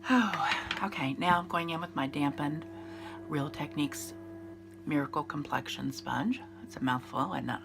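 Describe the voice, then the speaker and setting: Nursing a cold, a woman in her fifties talks her way through a casual makeup tutorial, her low, gravelly voice nasal and congested. She speaks at a moderate pace, rambling and chatty, with fillers and false starts. There's background noise.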